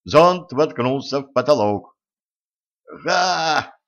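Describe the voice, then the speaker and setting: A man's voice: medium pitch, expressive, moderate pace, fairly bright tone. Male narrator with a muffled, lo-fi sound. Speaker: audiobook narrator. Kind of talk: scripted narration.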